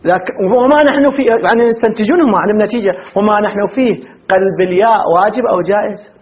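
High-voiced man giving a grammar lesson. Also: fast talker, highs cut off. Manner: asks questions and answers them himself; repeats and restarts phrases often. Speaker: teacher. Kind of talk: grammar lecture.

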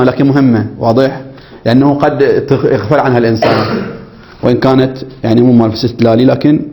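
Fast-talking teacher, man. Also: mid-range voice, mellow, a little hiss or hum. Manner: explanatory, keeps checking understanding with the class; demonstrates and repeats phrases in different ways. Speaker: religious teacher. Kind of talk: jurisprudence lesson reading and explaining a text.

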